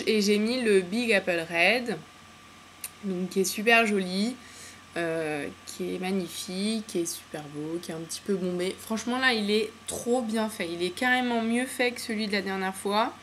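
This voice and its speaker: A woman's voice: mid-range voice, a bit bright. A bubbly woman chats to her viewers from home about her latest polish finds. She rambles happily, stumbling over fillers and slang. Her voice sits in a middle register, with a faint hiss of background noise. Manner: chatty and enthusiastic, many fillers and slang. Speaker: beauty vlogger. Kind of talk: casual nail polish haul chat. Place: home room with windows open to the street.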